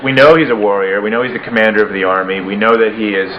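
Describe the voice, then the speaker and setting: A man's voice: lowish voice, very fast, a little hiss or hum. A man presenting a documentary, chatting informally and thinking aloud on location. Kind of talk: casual on-location conversation. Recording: dull location sound with music. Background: music.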